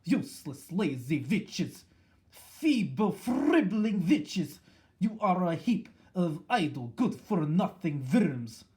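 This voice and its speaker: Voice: mid-range voice, very animated, dark tone, pitched above the performer's own voice. A reader voicing a furious, tyrannical witch leader who screams and rants at her followers in an audiobook. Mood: ranting. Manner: shrieking, ranting, drawn-out words. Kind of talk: audiobook reading.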